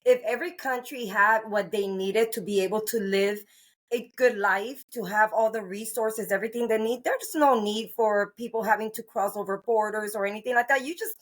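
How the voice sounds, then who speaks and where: This middle-aged Cuban woman hosts a podcast, her voice medium in pitch and her speed normal. She talks earnestly and rambles through a casual interview chat, full of fillers and restarts.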